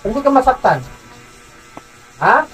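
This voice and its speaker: A faith healer from Zamboanga City, a man who interrogates a spirit with insistent, repeated questions and sharp commands. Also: extremely high pitch, very animated, measured pace, soft background music, poor audio. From Zamboanga City, Philippines. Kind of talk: healing session, interrogating a spirit.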